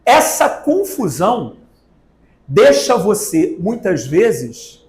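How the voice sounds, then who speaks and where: Brazilian man, high lively voice, slow emphatic lecture, echoey hall. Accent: Brazilian Portuguese. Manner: rhetorical questions, animated, draws out words for emphasis. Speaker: spiritist lecturer. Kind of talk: spiritist talk to a live audience. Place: spiritist center meeting hall.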